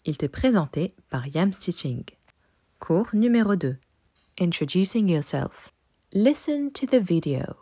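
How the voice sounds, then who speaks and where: A woman's voice: fairly low pitch, very animated, a little slow, dark tone, slightly rough, clean studio sound. A woman teaching an English lesson, patiently repeating words for learners to echo. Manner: patient, drills words with repetition. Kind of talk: recorded language lesson.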